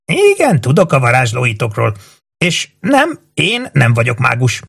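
A man's voice: medium pitch, wildly swooping pitch, gravelly, a bit bright, slightly rough, pitched above the performer's own voice, exaggerated voice. A man voicing an eccentric, cheerful wandering trickster in an audiobook, speaking in a playful, offhand way. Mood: chirpy.

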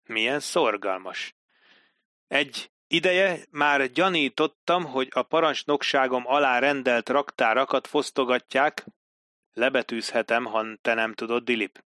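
A haughty army captain with a sharp, mocking edge, drawn out in a raised voice for an audiobook, as a male narrator puts him on. The tone stays forceful and close, with no room around it. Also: medium pitch, no echo, lightly acted. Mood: sardonic. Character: pompous, sardonic male British army captain.

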